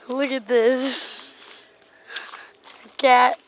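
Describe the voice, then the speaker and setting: Vlogger lady talking slow to her pets, bit high, faint hiss behind. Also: level tone. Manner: coaxing talk to pets, laughing. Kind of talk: casual pet vlog. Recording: faint background noise.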